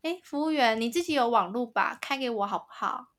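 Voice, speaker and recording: A woman's voice: fairly high pitch, lively intonation, a little fast, fairly bright tone, voice pushed up. A woman putting on the voice of a spoiled, entitled young woman complaining at a restaurant, bossy and whiny. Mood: indignant.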